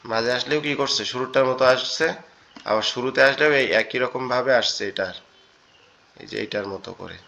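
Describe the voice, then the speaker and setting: A man teaching an online Quran class, explaining each letter patiently and repeating points slowly. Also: medium pitch, vocal fry, sharp tone, dull audio. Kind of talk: online lesson on Arabic letters.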